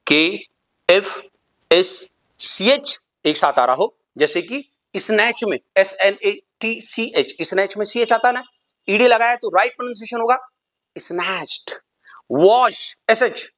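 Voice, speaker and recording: A man's voice: high voice, bright, forceful tone. A man teaching English pronunciation in a lesson. He asks questions, answers them himself, and spells words out letter by letter. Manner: repeats rules for emphasis.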